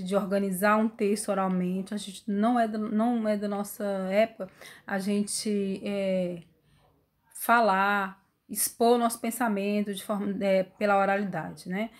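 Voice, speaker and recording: A woman's voice: mid-range voice, fairly even intonation, a little slow. A woman giving an online university class, reading lists aloud and explaining with many fillers and restarts. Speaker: university lecturer. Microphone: phone.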